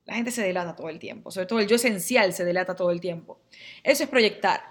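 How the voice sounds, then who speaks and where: Mujer que explica temas de astrología y psicoterapia a sus seguidores, con tono animado y acento venezolano, imitando diálogos breves. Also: female voice, medium pitch, fast talker. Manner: lively, acts out little dialogues in quotes. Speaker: astrologer and therapy teacher. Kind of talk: casual explainer to viewers.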